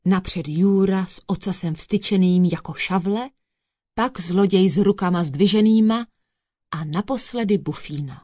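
A woman's voice: medium pitch, mellow, no room sound. Woman storyteller, children's fairy tale reading, dry close sound. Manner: addresses listeners as children.

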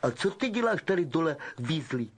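A man's voice: sits high, expressive, slightly rough, pitched above the performer's own voice. A male audiobook reader voicing an arrogant schoolboy with a drawling, mocking manner. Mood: sneering.

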